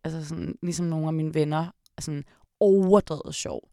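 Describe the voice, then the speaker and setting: Young woman host, gravelly, dry close sound, blunt sarcastic chatter. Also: low-pitched, steady tone, mellow, no echo. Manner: frank, sarcastic, swears often. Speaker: podcast host. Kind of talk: casual chat.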